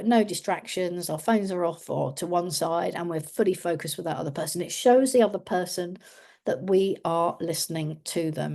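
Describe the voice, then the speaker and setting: A woman trainer giving an online training session on a video call, calm and instructive as she coaxes the audience to answer. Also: medium pitch. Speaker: communication trainer.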